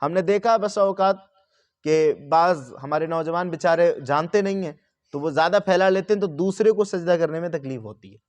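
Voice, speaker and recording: A man's voice: fairly high pitch, a little mellow. A man giving religious instruction, patiently explaining each step and repeating letters and phrases for his listeners. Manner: patient, repeats and spells out sounds. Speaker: religious teacher.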